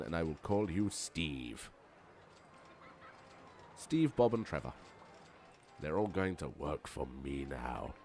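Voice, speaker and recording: A man with a hoarse throat giving casual, playful commentary while playing a game, with jokey asides to his viewers. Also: sits low. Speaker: let's play gamer.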